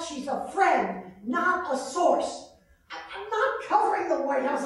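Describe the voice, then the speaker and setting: An actress playing a blunt, earthy woman reporter who swears freely, in a one-woman stage play. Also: high-pitched. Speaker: stage actor. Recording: roomy stage from far off.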